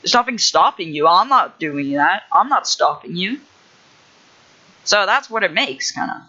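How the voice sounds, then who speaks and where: A man's voice: high-pitched, expressive, measured pace, pushed and bright, highs cut off. A young man livestreaming as he builds a game level, rambling casually with lots of fillers and restarts. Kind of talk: casual thinking-aloud livestream.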